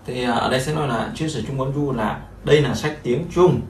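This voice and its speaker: A man's voice: mid-range voice, quick pace. Guy teaching a lesson, lots of "uh"s, echoey room with light hiss. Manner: repetitive, explanatory, many fillers. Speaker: Chinese language teacher. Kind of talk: explaining a textbook lesson. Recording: echoey room, mic at a distance, faint noise.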